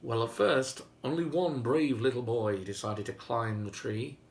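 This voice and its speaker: Slight background noise accompanies a medium-pitched man speaking at a measured pace. He narrates a fairy tale orally in a lively, droll, theatrical manner that feels conversational, tossing in playful asides as he goes.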